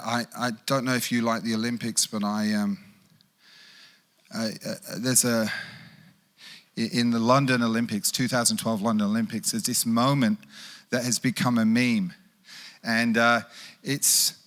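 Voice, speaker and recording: A man's voice: mid-range voice, a bit bright. A middle-aged man preaching a sermon as pastor, speaking conversationally and acting out quoted voices with animation.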